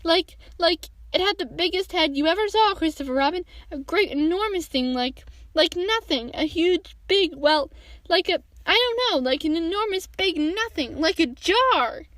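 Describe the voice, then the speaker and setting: A woman's voice: very high-pitched, lively intonation, normal speed, a bit bright, dry recording, voice pushed up. A woman voicing a small, timid male piglet from a storybook, anxious, breathless and stammering. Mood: frightened, breathless. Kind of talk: storybook character voice.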